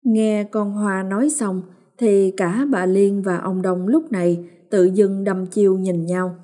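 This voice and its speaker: A woman narrating a ghost story in a steady, even storytelling manner. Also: mid-range voice, unhurried. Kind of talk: scripted horror story narration.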